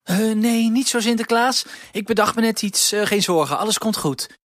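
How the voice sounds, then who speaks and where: A man voicing an eager, fussy young male household helper who talks high and flustered in a storybook. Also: moderate pace, a bit bright, no echo, clean studio sound.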